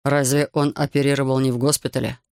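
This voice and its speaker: A man's voice: medium pitch, flat delivery, creaky, darkish tone, clear, resonant tone, dry recording, clean studio sound, natural voice. A man doing a stern, composed man of influence. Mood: stern measured. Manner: measured, probing, stern.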